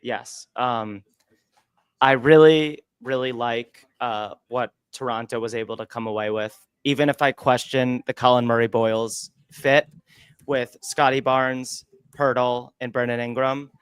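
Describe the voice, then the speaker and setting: Smooth-voiced upbeat podcast man. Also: mid-range voice, steady tone, measured pace, dry recording. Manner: enthusiastic, analytical, upbeat. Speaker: podcast co-host. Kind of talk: casual draft analysis on a livestream.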